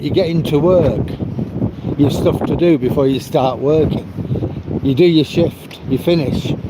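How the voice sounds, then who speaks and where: Here a retired Manchester local speaks in a Northern English accent, his pitch fairly high and his pace a little slow. It's a casual, rambling chat in which he keeps going back over the same points, with heavy wind and outdoor noise throughout.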